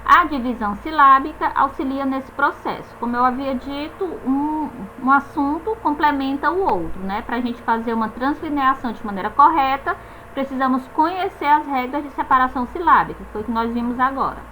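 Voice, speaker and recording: High bright-voiced woman teaching grammar. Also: lively intonation, slight background noise, low-quality recording. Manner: stresses each example word slowly, spells out letters, tags "né?". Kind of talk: grammar lesson explanation.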